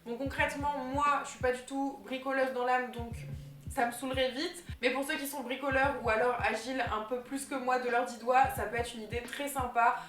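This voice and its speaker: A woman's voice: sits high, fairly even intonation, brisk, fairly bright tone. A young woman vlogger chatting enthusiastically about gift ideas, with plenty of fillers. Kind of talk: casual vlog chat. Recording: echoey room with faint music.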